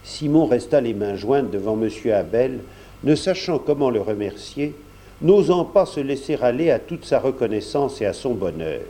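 A man reading a classic novel aloud in a measured, even storybook narration. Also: mid-range voice.

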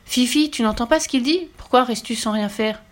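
A woman's voice: a little high, a little fast, voice pushed up, close to an everyday voice. A woman voicing a neat, earnest little boy who insists anxiously in a storybook reading. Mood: worried.

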